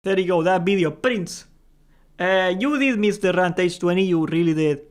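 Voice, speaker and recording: A young man hosts a gaming livestream in a loose, joking chat with his viewers. His voice sits high for a man. He laughs easily, swears casually, and rambles along in a friendly, offhand way. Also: normal speed. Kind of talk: casual live-stream chat.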